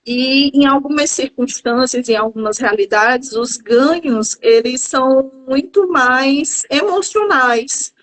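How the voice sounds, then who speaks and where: Calm, measured Brazilian woman, higher voice. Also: rough recording. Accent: Brazilian Portuguese. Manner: calm, measured, often pausing with "é" and "né". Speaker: psychologist guest. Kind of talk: reflective live-stream conversation.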